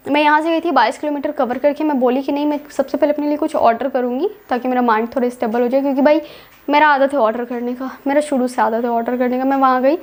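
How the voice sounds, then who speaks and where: A young woman with a high voice tells her own story in a casual, chatty vlog. She talks in loose, repeating phrases and drops English words in as she goes. An indignant edge runs through her telling. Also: steady tone, quick pace. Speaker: vlogger.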